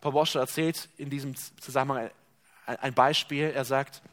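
A man preaching a sermon, earnest, speaking to his congregation as dear ones and swinging between loud emphasis and hushed tones. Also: mid-range voice, steady tone, normal speed.

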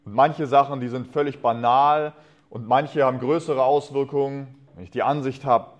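A man's voice: mid-range voice, fairly even intonation, normal speed, highs cut off. Earnest man preaching a sermon. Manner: earnest, reads expressively, trails off softly at phrase ends. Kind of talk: sermon with a read-aloud story.

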